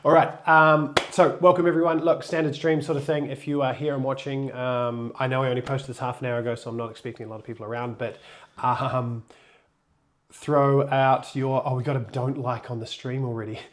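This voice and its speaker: A man talks loosely and jokingly, mid-pitched, as he hosts a laid-back live stream. He is getting over a cold and still sounds a little worn. His speech is casual, full of restarts and asides. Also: little pitch movement, a little fast. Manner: chatty, loose, restarts and jokes. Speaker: co-host of a sailing channel live stream.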